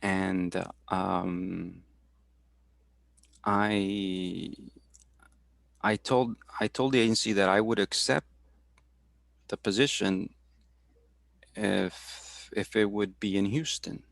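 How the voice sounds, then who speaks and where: A man in his forties from Texas, talking through his career in a halting way, with many fillers and restarts, over a video call. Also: sits low, steady tone, gravelly, no echo. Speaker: guest speaker. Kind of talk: casual career talk.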